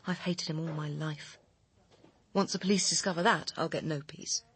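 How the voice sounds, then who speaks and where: Playing a bitter, persuasive young personal assistant hiding secrets in a radio crime drama, a British actress speaks in a pressing, cutting, articulate way. Her deep voice holds a steady tone at normal speed, fairly bright, with a little hiss or hum.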